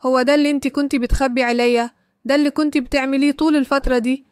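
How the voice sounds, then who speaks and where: Woman reading a deceived husband, Egyptian Arabic, rapid, level delivery, fairly high pitch. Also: flat delivery, a little mellow, dry recording, clean studio sound, lightly acted. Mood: shaken. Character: shaken deceived husband, grown man.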